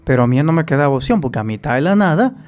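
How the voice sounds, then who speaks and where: A man's voice: on the high side, very fast. A man telling stories as a podcast guest, acting out the voices of people he quotes. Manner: animated storyteller who acts out quoted voices. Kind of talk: storytelling in an interview.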